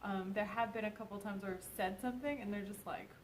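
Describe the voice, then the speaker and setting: A woman's voice: medium pitch, steady tone, quick pace, a little hiss or hum, low-quality recording. A young woman from Kentucky with a faintly Southern accent, co-hosting and rambling through casual explanations. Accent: mild Kentucky Southern. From Kentucky, USA. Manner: rambling, filler-heavy. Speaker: co-host. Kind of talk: casual chat.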